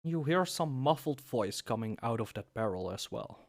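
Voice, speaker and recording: A man narrating a tabletop game as game master, pausing often with fillers. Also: medium pitch, lively intonation. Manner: measured, with frequent pauses and fillers.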